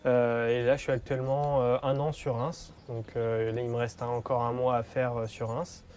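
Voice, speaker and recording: A man's voice: mid-range voice, flat delivery, moderate pace, a little mellow. Man, twenties, shy, hesitant, fillers, faint noise. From western France. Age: 20s. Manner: shy, brief answers with many fillers. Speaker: apprentice stonemason. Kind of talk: outdoor interview. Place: outdoors by a church.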